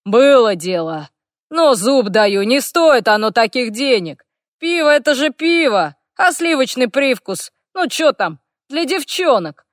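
A crude, boastful male orc, as a woman narrator puts him on. He talks loud and slow in slang, full of swagger. The reading is dry and close. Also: high-pitched, animated, no echo, voice pushed up. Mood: mocking. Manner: loud slangy guffawing talk. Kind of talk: audiobook character voice.

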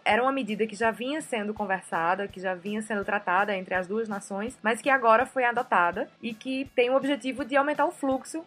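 A woman co-hosting a podcast who reads news items and listener comments in a steady, informative way. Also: on the high side. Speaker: podcast co-host. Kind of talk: podcast news reading and chat.

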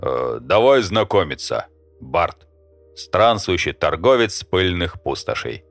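Gruff and greedy, this wandering space trader drawls and bosses people around, as a male narrator puts him on. His voice sits low and deep. The recording is dry and close, and faint music plays underneath. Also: very animated, slow pace, a bit bright, dry recording, exaggerated voice. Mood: pushy. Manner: drawling, interjecting "eh", cheeky. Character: brash rude alien trader man, greedy.

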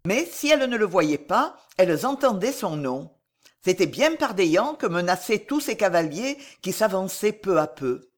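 A woman narrating an audiobook with a lively, widely moving voice. Her reading of the historical novel is dramatic and expressive. Her pitch sits in a middle range for a woman. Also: moderate pace.

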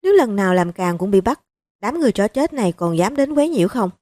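Woman doing a blunt police chief, hot-tempered, forceful, mellow tone, dry close sound. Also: medium pitch, very animated, quick pace, dry recording. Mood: angry.

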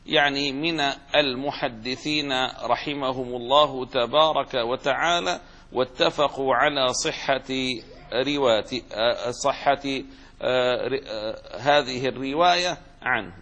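A man's voice: medium pitch, measured pace, highs cut off. A man giving a classical religious lesson, reading passages from a book and explaining them with frequent fillers and restarts. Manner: reads quoted text louder, then explains with fillers and restarts. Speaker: sheikh teaching a hadith commentary.

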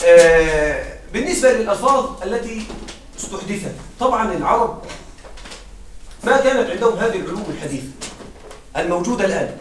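High-voiced teacher in an echoey classroom. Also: male voice, animated, fast, long pauses, slight background noise. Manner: questioning students, repeats and restarts. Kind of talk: classroom grammar lesson. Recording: roomy classroom sound from far off.

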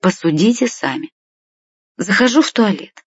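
A woman narrating a first-person story in a plain, steady way as an audiobook reader. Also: medium pitch, moderate pace, slightly rough, no room sound, muffled recording.

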